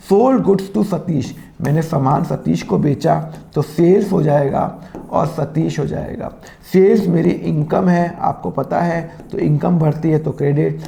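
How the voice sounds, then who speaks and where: A man teaching accounting, with a slightly sore throat he keeps clearing, acting out both sides of made-up phone calls. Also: a little high, mellow. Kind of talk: classroom lesson with acted dialogues.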